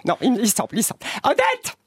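A woman's voice: wildly swooping pitch, a little fast, slight background noise. A woman voicing a snobbish, gushing rich French society lady with a French accent, in a radio comedy sketch. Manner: affected, gushing, swooping pitch. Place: radio studio.

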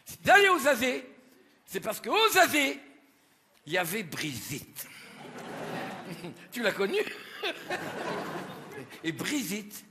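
Man in his sixties, from France, stand-up routine, bright tense tone, faint noise, reverberant hall. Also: very high voice, takes it slowly, long pauses. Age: 60s. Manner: animated, teasing the audience, stammering repeats. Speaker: stand-up comedian. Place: theatre stage before a live audience.

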